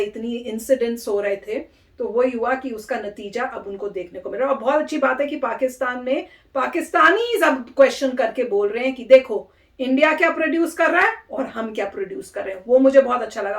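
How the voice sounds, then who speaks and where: High-voiced woman chatting in an echoey room. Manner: chatty, pleased, opinionated. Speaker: reaction video host. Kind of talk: casual chat.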